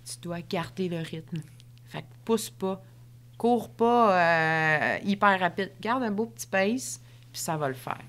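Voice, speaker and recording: A woman quoting a soft, calm runner. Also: fairly low pitch, slow. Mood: reassuring. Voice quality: soft, gentle. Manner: calm, reassuring.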